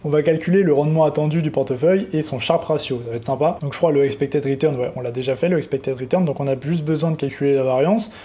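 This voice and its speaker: Brief: young male tutor, relaxed and mellow, chatty, unscripted walkthrough, a touch high-pitched. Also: fast talker, few pauses. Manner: casual, rambling, talks straight to the viewer. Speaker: trading educator.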